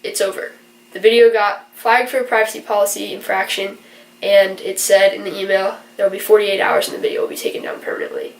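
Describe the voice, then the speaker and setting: Gravelly and fairly quick, this mid-range female voice keeps a fairly even intonation as a congested young college student, sick with a virus, earnestly explains things. Her casual vlog wanders and is packed with fillers. She's recorded from a distance in a room with a roomy echo.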